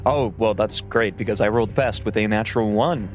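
Low-voiced man playing a tabletop game. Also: fairly quick, soft background music. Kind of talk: casual game-table chat.

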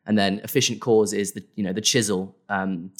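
A man's voice: on the low side, fairly even intonation, fairly quick. A young man talking casually as an interview guest, rambling with lots of fillers and restarts. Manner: rambling, many fillers and self-corrections. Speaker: guest creator.

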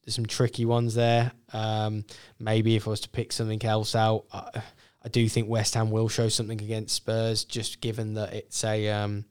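A man's voice: fairly low pitch, monotone, moderate pace, few pauses, clear, resonant tone. A man chatting casually as a podcast guest, thinking aloud and correcting himself as he goes. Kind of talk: casual fantasy football chat.

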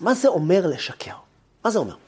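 Husky, animated rabbi giving a sermon. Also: male voice, high voice. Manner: animated, rhetorical questions, acts out quoted dialogue. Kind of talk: weekly Torah portion sermon.

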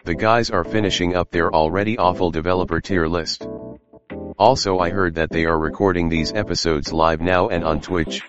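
A man voicing a sarcastic, deadpan male robot announcer who mocks as he counts down. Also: deep voice, moderate pace, voice pushed down, lightly acted. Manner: sarcastic, mocking countdown delivery. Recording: dull lo-fi sound with music bed. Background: guitar music.

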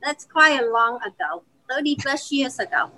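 A woman's voice: high voice, lively intonation, moderate pace, sharp tone, poor audio. Vietnamese-accented woman telling her story. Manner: earnest storytelling with frequent restarts. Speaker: restaurant owner. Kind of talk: podcast interview.

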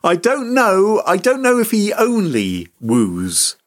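Taking it slowly, a chat-show host tells a comic story with theatrical mock outrage, his pitch swooping wildly. He's a podcast host playing up indignation for laughs.

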